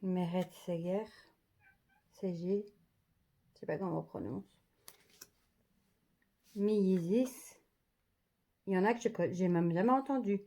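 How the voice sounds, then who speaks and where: A woman slowly leafs through a deck of oracle cards in a casual vlog, naming each card and praising it under her breath. Her voice sits a little low and mellow. Her pace is unhurried and unforced. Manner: admiring, murmurs card names softly, often half-whispered.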